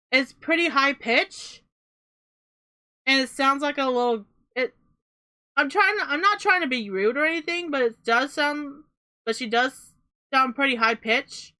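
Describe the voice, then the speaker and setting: A woman's voice: high-pitched, bright, forceful tone. A young woman giving an emphatic reaction commentary, repeating her points and swearing now and then.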